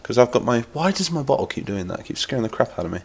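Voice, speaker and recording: Against a noisy background, a creaky, medium-pitched male voice runs very fast and very animated. He's a Lincolnshire man with an English accent, nasal from a cold, rambling enthusiastically through a live gaming stream and reading chat aloud.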